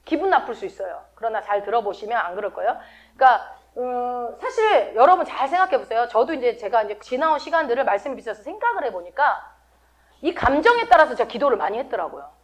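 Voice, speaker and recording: A woman's voice: on the high side, big pitch swings, fast talker. A middle-aged woman pastor giving a sermon in a conversational way, often asking her listeners questions. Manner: conversational, asks the congregation many questions.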